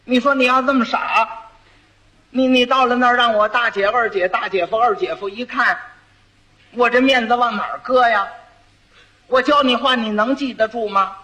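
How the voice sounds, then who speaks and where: A man's voice: very high-pitched, moderate pace, pushed and bright, low-quality recording. A man voicing a clever young bride who scolds and coaches her husband. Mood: instructive. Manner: scolding, instructive.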